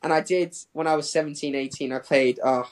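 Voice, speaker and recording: A professional distance runner in his twenties who grew up in Hong Kong and England chats casually as an interview guest, rambling and peppering his speech with "like." His voice is a little high, with fairly even intonation and a slightly fast pace.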